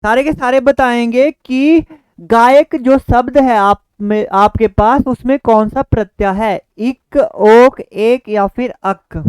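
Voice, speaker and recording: A man's voice: very high voice, darkish tone, clear, resonant tone, dry recording. Man teaching a grammar lesson. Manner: repeats key words and questions to the viewer. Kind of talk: exam-prep Hindi grammar lesson.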